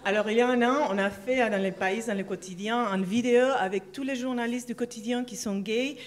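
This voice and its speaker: A woman's voice: a little high, a little fast. A woman interpreting a speech as a non-professional, hesitant and searching for her words. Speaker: amateur interpreter, newspaper correspondent. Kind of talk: consecutive interpreting. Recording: light background noise.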